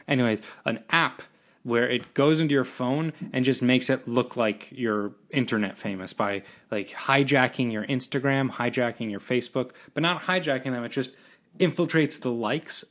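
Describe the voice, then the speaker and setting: A man's voice: medium pitch, a bit bright, dull audio. A man in his late twenties hosting a solo podcast, rambling casually and self-deprecatingly with frequent restarts. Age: 20s. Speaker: podcast host.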